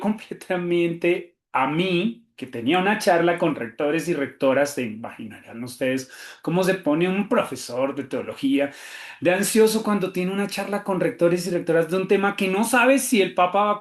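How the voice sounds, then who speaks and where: A Colombian male theology professor hosts a webinar presentation, speaking in a higher voice with a Colombian Spanish accent. His talk is quick and animated, full of fillers and restarts, and his call mic picks up a roomy echo.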